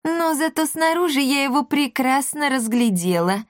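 A woman voicing a scornful matchmaker who mocks the bride's family and hurries off, in a high drawn-out voice. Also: lively intonation, no echo, clean studio sound. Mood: flustered. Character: shrill matchmaker woman, mocking and quick to flee.

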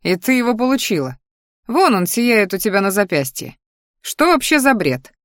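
A woman voicing a blunt young male warrior who is the hero's friend and speaks gruffly. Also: mid-range voice, very animated, normal speed, no room sound, clean studio sound, pitched above the performer's own voice, close to an everyday voice. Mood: scornful. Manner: gruff and brusque.

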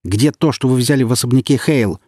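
A man's voice: mid-range voice, brisk, mellow, no echo, studio quality, voice pushed up, close to an everyday voice. A man voicing a menacing middle-aged villain in an audiobook, curt and barking.

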